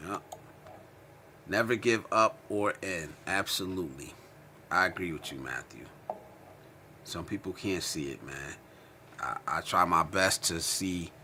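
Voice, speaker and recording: A man from Connecticut hosts a livestream, casually answering viewer comments in slangy, informal American speech and repeating phrases for emphasis. His bass voice sounds pushed and bright, with slight background noise.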